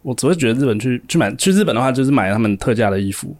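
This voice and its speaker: A young man with a Taiwanese Mandarin accent, co-hosting a podcast and telling anecdotes in a lively way, with laughs. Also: medium pitch, rapid-fire. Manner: animated storyteller, acts out quotes with laughs. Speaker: podcast co-host. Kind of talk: casual chat, storytelling.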